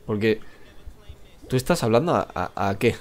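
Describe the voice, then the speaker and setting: A man's voice: lowish voice, lively intonation, moderate pace. A man with a Spanish accent chatting live while playing a game, rambling, joking at himself and swearing freely. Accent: Spain Spanish. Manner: rambling, self-mocking, swears a lot. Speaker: gamer streaming live. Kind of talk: live gameplay commentary.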